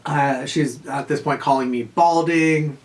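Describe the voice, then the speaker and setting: A man, telling a casual, profane story in a rambling monologue full of fillers and quick laughs. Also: mid-range voice, steady tone. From Southern California. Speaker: vlogger.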